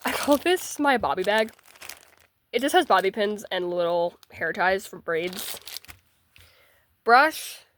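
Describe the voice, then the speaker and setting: A woman's voice: mid-range voice, expressive, slow, long pauses, fairly bright tone, slight background noise. A teenage girl with a congested, stuffy voice, chatting casually to the camera while packing for a trip. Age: teens. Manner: chatty, bubbly, self-deprecating asides. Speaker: vlogger.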